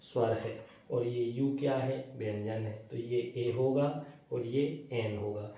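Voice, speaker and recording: Male teacher, mellow tone, distant mic, strong echo. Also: medium pitch, takes it slowly. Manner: asks questions and answers them himself. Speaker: English teacher. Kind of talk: classroom grammar lesson. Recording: echoey room, voice from far off, faint noise.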